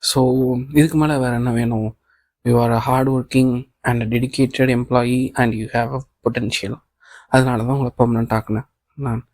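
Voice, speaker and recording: A man reading the lines of a kind male office boss in an audiobook of a novel, calm and reassuring, mixing in English phrases. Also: mid-range voice, slow, dry recording.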